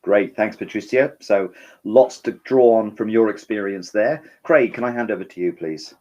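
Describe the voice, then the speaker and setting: A man's voice: on the low side, normal speed, darkish tone, lo-fi sound. A man chairing a webinar panel on a video call, politely handing over to each speaker and inviting questions. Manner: polite, chatty moderator with restarts.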